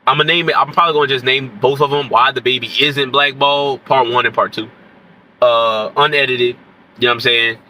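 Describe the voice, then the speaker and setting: Medium in pitch, steady, fairly quick and pushed bright, this man's nasal, congested voice comes through a rough recording with slight background noise. He's an independent rapper suffering a stuffy nose and scratchy throat, giving rambling, unscripted hip-hop commentary to camera full of "you know what I'm saying."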